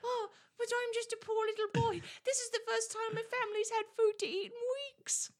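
A woman's voice: steady tone, moderate pace. A woman doing a whimpering poor little boy. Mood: pleading. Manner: high, tearful whimper.

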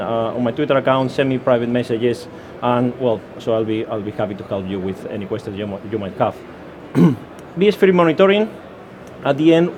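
A Spanish man with a Spanish accent gives a technical talk in a conference session room, his mid-range voice a little mellow. His delivery is peppered with fillers and restarts.

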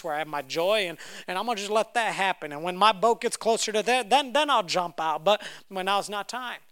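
A young man whose native language is Romanian preaches a sermon and shares a personal story, frequently restarting on repeated words as he builds toward loud, fervent passages. His voice is a little high, clear and resonant. The recording is dry.

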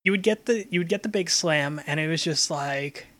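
A speaker in a relaxed podcast chat with an average-pitched voice. They tell stories slowly and loosely, wandering from detail to detail. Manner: meandering, reminiscing storytelling. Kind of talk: casual chat.

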